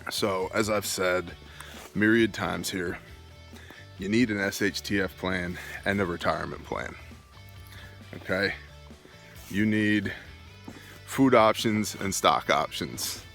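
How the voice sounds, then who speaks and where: A middle-aged man with a low voice speaks off the cuff like a homesteading vlogger and keen gun enthusiast. He takes his time, laying out points in short, emphatic phrases. Faint music sits behind him. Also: creaky, a bit bright. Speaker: homesteading and preparedness video host. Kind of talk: casual off-the-cuff vlog talk to viewers. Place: outdoors, walking on own rural land.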